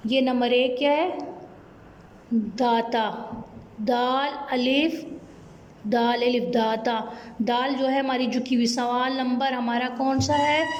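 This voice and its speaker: A high-pitched woman with a Pakistani Urdu accent teaching small children online, slowly spelling each word out and checking in after every step. Her voice rings in an echoey room, picked up by a computer mic on a video call. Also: steady tone. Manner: slow, patient spelling out of letters, repeating "ठीक है?". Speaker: primary school teacher. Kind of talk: online class lesson.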